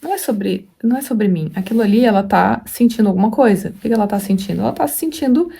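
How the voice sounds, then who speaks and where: A woman's voice: medium pitch, animated, fast talker, gravelly, mellow, husky. A woman who is a mother and hosts a spiritual study channel, thinking aloud in a casual reflective teaching talk, rambling with many fillers and restarts. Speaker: mother of a young daughter.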